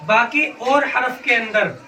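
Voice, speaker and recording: Speaking slowly in a very high, pushed and bright voice, a man drills letter sounds while teaching children to read the Quran, repeating his questions with patience. It's a call-and-response classroom lesson, recorded from a distance in an echoey, noisy room full of children's voices and ambient noise.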